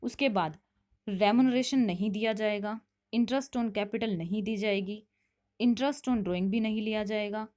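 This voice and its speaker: Woman, commerce teacher, mid pitch, slow reading of questions, quick explanations. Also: a little mellow. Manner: reads English questions slowly, explains quickly with frequent "theek hai". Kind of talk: exam-prep lesson explaining multiple-choice questions.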